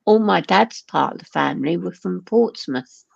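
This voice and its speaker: A woman with a Lancashire accent, chatting casually on a panel and telling stories with lively acted-out quotes. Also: lowish voice, normal speed, vocal fry, breathy edge, dry recording, muffled recording. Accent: Lancashire English. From England. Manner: animated storyteller, acts out quoted friends. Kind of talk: casual chat.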